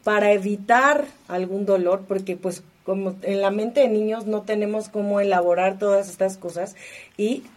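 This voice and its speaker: Woman thinking out loud. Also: mid-range voice, fairly even intonation, moderate pace. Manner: thinks aloud, full of fillers. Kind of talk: reflective conversation on emotions.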